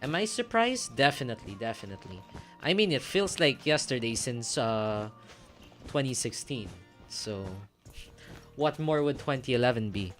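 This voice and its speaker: A man's voice: mid-range voice, expressive, normal speed, fairly bright tone. A man in his twenties chatting casually while streaming a game, hesitant, with many ums and restarts. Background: faint game music.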